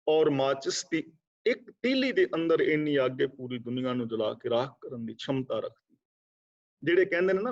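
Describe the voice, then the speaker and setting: A man teaching a scripture class, reciting verses slowly and then explaining them in a conversational way. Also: fairly high pitch, a little mellow. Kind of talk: religious discourse class. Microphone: video call. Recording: dull lo-fi online call audio.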